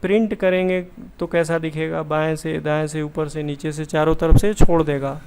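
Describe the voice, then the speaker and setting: Male computer tutor, slightly high voice with gravel and a smooth, resonant tone, talks things through casually as he works. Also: little pitch movement, normal speed, a little mellow. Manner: chatty, thinks aloud, self-correcting. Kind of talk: casual screen-share tutorial.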